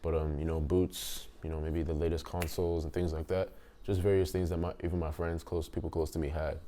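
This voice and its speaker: A man in his twenties from Nigeria, speaking thoughtfully in a documentary interview and pausing often to rephrase. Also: low-pitched, level tone, mellow, a little hiss or hum. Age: 20s.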